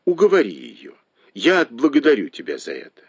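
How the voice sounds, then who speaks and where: A man's voice: lowish voice, very animated, moderate pace, darkish tone, dry recording, lo-fi sound. A man reading aloud and voicing a noble husband who coaxes and placates his wife. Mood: pleading. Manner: coaxing, wheedling. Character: pleading, joking husband of noble household.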